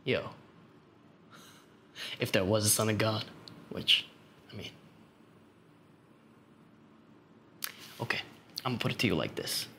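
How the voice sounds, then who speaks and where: A man's voice: on the low side, normal speed, pushed and bright, a little hiss or hum. A young actor playing a grieving, streetwise young man in a dramatic monologue, talking in profane street slang. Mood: scornful. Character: young street-smart man, grieving lost friend, bitter.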